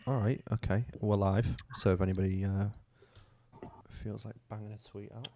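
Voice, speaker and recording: A man in his early thirties, co-hosting a live gaming podcast, talking quietly and offhandedly while eating. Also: fairly low pitch, flat delivery, moderate pace, noisy background. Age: early 30s. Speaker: podcast co-host. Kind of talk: casual chat.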